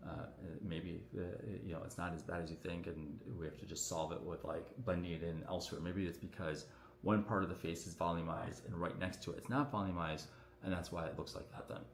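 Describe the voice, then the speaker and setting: Low-voiced man in an echoing room. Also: fairly quick, creaky. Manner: relaxed, chatty, many fillers and restarts. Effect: echoing room sound on the stream. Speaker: cosmetic doctor answering viewer questions. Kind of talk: casual livestream Q&A. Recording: echoey room audio on a livestream.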